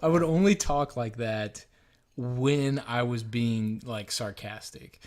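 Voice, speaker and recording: A man's voice: medium pitch, takes it slowly, darkish tone. A man, co-hosting a casual podcast and telling rambling stories with casual swearing. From Missouri, USA. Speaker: podcast co-host. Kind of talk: casual chat.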